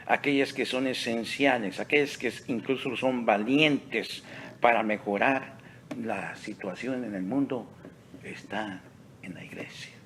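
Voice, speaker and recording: A male pastor preaching a sermon in a church sanctuary, slow and deliberate, dropping to near-whispers and rising to emphatic peaks. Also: mid-range voice, fairly bright tone, slight background noise. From Texas.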